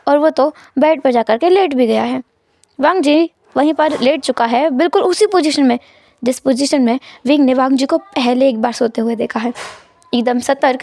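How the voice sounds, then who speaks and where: A woman retells a romance story in a relaxed, chatty way. Her voice sits high, and the sound is dry and close to the mic. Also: no room sound. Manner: conversational, retelling. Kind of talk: narrating a fan fiction story.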